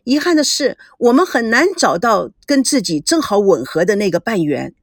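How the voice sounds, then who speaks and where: A woman voicing a calm, wise young woman who speaks gently and philosophically. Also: mid-range voice, normal speed, no room sound, studio quality. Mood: serene.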